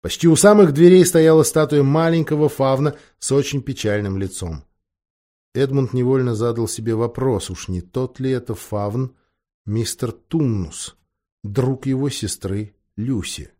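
A man narrating a fairy tale audiobook with expressive, dramatic storytelling. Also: mid-range voice, measured pace.

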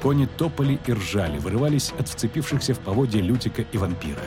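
A man narrating a fantasy audiobook expressively, dropping low and quiet for tension. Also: animated, quick pace. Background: faint background music.

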